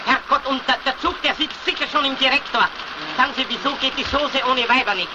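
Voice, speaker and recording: Ein wichtigtuerischer, leicht erregbarer alter Oberkassierer, der belehrend daherredet und sich schnell in Aufregung steigert. Die Stimme kommt von einer rauschenden, dumpfen Filmtonspur aus den 1930er-Jahren. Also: male voice, extremely high pitch. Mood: lecturing. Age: older. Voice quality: pompous, lecturing, fast and fluttery when agitated. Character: fussy, excitable older male bank cashier. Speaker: senior bank cashier. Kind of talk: early sound-film acting. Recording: hissy, muffled 1930s film soundtrack.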